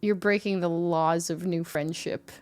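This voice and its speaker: A young woman chatting casually as a streamer guest, telling animated stories that swing from loud excitement to low mutters, often laughing as she talks. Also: a little slow, clear, resonant tone. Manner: laughs often while talking. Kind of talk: casual chat.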